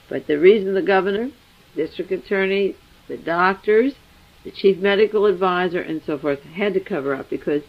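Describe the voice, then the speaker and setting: A man delivering a rambling, speculative monologue as a commentator, thinking aloud with many fillers and asides. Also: fairly high pitch. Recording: dull lo-fi archival recording.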